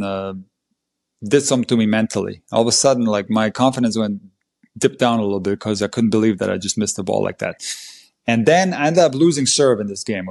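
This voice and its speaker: Man recounting a match, animated. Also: fairly low pitch. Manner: animated, emphatic play-by-play retelling. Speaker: podcast guest, tennis coach. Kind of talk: conversational storytelling.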